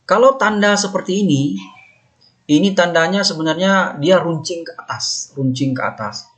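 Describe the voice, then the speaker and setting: A man teaching a recorded lesson, patiently explaining and repeating each term slowly while pointing at marks on a slide. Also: sits high, animated, fairly bright tone. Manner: patient, explanatory, with many fillers.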